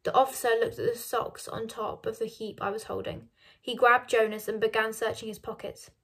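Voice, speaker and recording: A woman reading a novel aloud, measured and dropping soft on narration. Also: a little high, level tone, breathy edge. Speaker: reader of a novel.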